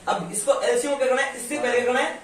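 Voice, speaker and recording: Patient high-voiced maths teacher in an echoey classroom. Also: male voice, fast, crowd noise. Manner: patient, checks understanding constantly with "ठीक है?"; slips into rural dialect endings. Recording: echoey room, mic far off, faint hiss.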